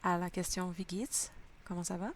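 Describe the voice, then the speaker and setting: A woman's voice: lowish voice, little pitch movement, moderate pace, slight background noise. A woman teaching a language lesson, patiently spelling out sounds word by word. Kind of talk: slow spoken lesson.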